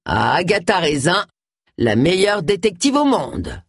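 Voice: medium pitch, huge pitch swings, a little slow, creaky, husky, no room sound, clean studio sound, heavily acted. An audiobook narrator voicing an easygoing, hearty male coworker. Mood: jovial.

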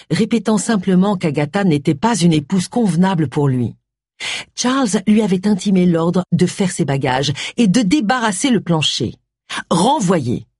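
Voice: mid-range voice, darkish tone, breathy edge, dry recording, clean studio sound. A reader narrating a story expressively, giving each character a voice. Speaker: audiobook reader. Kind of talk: scripted narration.

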